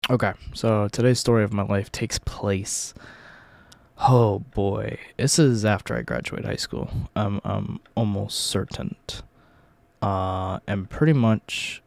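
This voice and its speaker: A young American man with a fairly low voice, recorded dry and close. He is hungover and talks like a casual vlogger, rambling through a personal story with plenty of swearing. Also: fairly even intonation, takes it slowly, gravelly, no room sound. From Virginia, United States. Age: young adult. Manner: rambling, profanity-laden, informal. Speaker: YouTube host telling life stories.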